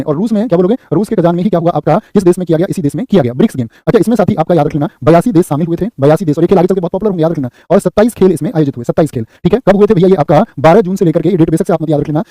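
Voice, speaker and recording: During a live online class, a male exam coaching teacher quizzes students in a high voice with a dark tone, repeating answers very fast and asking "what will you say?" The sound is clean studio quality with no echo.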